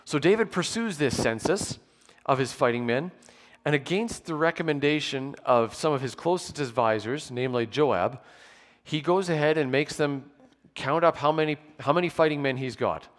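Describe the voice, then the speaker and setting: Man in his 40s, pastor at a pulpit mic, slightly high voice, measured sermon delivery with dry humour, long church reverb. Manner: measured, explanatory preaching with occasional dry humour. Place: church sanctuary with pews.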